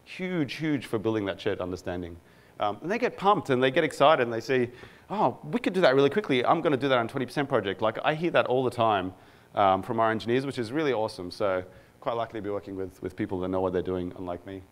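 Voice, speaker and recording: A man's voice: mid-range voice, expressive, fast talker. A man from Egypt, a product manager, giving a casual conference talk to a live audience, with many fillers and self-deprecating asides.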